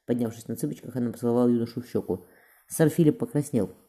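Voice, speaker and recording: A man narrating a historical novel in a steady, quick reading with small slips and self-corrections. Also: mid-range voice. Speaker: audiobook narrator.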